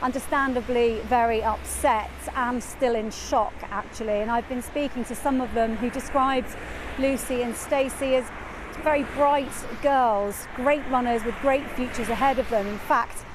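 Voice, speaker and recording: Woman reporter, fairly high voice. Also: steady tone, noisy background. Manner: earnest, measured. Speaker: news reporter. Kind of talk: field news report.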